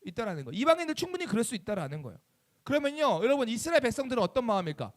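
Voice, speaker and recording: A high-voiced man gives a quick, animated youth sermon in a church chapel. His pitch swings widely as he fires question after question at his listeners and answers them himself. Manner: animated, asks the audience many questions and acts out quoted voices. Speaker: youth pastor.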